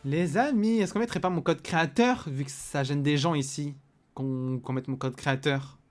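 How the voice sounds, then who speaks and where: A man streaming himself playing a video game, excitable and swinging from loud exclamations to muttering. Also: a little high, normal speed, soft background music. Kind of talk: live gameplay commentary.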